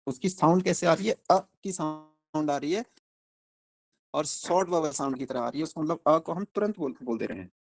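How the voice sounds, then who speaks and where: A young man teaching a phonics lesson in a classroom, explaining step by step and asking the class questions. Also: fairly high pitch.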